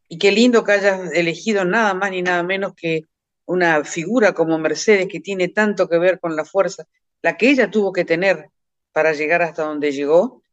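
Argentine woman radio host, lo-fi. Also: on the low side. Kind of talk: radio interview. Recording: dull lo-fi radio sound.

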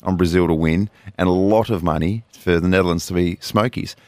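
A man's voice: low-pitched, fairly even intonation, brisk, darkish tone, no echo. An Australian man hosting a weekend radio show, joking and teasing his co-host in casual banter. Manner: jokey, teasing, upbeat.

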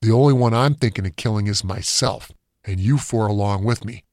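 A man's voice: lowish voice, fairly quick, a little mellow, no room sound, natural voice. A man voicing a stressed, desperate young man who speaks in a tense, strained way.

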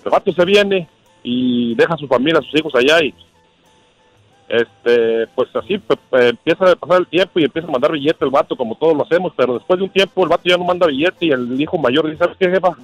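A man's voice: fairly high pitch, fast, no room sound, soft background music, poor audio. Slangy man calling a radio show. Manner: rambling storyteller, slangy, hesitant restarts. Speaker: caller. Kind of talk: casual radio chat.

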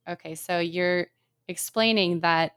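A woman's voice: lowish voice, a little slow, fairly bright tone, smooth, no room sound, studio quality. A woman co-hosting a casual language lesson, asking questions and summing up points. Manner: asks and sums up, frequent backchannel. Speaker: co-host learner.

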